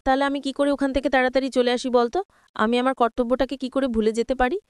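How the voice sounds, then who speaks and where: A spirited young woman, read by a woman narrator, teasing and affectionate, in a fairly high voice. The voice is smooth and crisp, close to the mic in a dry space. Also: flat delivery, fast, dry recording, natural voice. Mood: determined. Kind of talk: storybook retelling of a TV serial.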